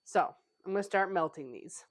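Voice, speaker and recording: Still recovering from a cold and slightly stuffy, a female pastry chef walks viewers through a casual cooking tutorial at home. She speaks at a moderate pace in a fairly low voice with lively intonation, chatting away with frequent "like" fillers.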